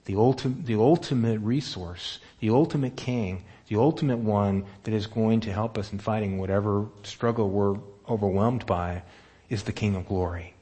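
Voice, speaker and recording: Speaking in a lowish, mellow voice at a moderate pace, a pastor preaches informally and keeps asking the room questions along the way.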